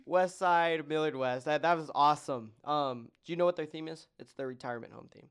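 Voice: mid-range voice, fairly quick, clean tone. A podcast host in casual chat, joking and running through long lists of results with many ums.

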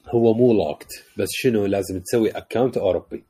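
Iraqi male co-host, low husky voice, quick casual chat peppered with English. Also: mellow. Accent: Iraqi Arabic. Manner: mixes in English words. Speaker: podcast co-host.

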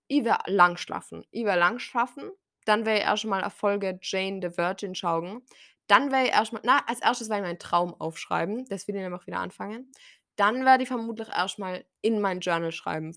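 Woman in her twenties, casual podcast host, chatty, mid pitch, dry close sound. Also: fairly bright tone, no echo. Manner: chatty, acts out conversations in quoted voices. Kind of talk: casual solo podcast monologue.

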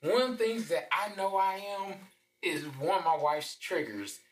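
A man co-hosting a podcast who describes himself as always loud, telling a story in casual chat. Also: sits high, animated, moderate pace. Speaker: podcast co-host. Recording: roomy, distant from mic.

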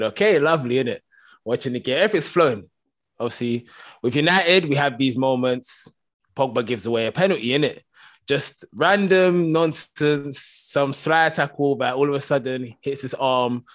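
A young man with a London roadman accent chats about football among friends. His voice sits at an average male pitch. He tells it as an animated story, packed with street slang and tag questions. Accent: London, multicultural street slang. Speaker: football fan panellist. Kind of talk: casual football banter.

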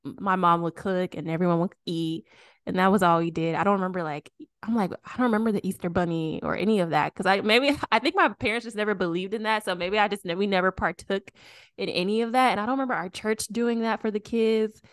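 A woman's voice: medium pitch, fast talker, clean tone, no echo, clean studio sound. A woman in her twenties co-hosting a podcast, chatting casually, rambling and laughing often. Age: 20s. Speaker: podcast co-host. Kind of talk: casual chat.

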